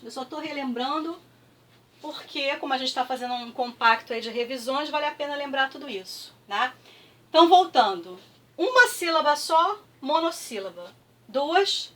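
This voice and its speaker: Brief: Brazilian woman teacher, high voice, patient, drills syllables slowly, mic set back from her. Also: a bit bright, far from the mic. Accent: Brazilian Portuguese. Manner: patient, repeats words slowly with clapping, frequent "tá?" checks. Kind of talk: classroom review lesson.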